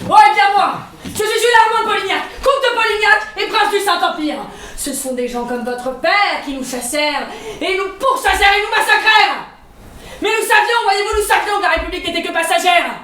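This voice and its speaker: A woman's voice: very high voice, normal speed, sharp tone. A woman playing an imperious, menacing male prime minister in a historical stage drama, declaiming pompously. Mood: haughty, threatening. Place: theatre stage in Paris. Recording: echoey theatre, distant microphone.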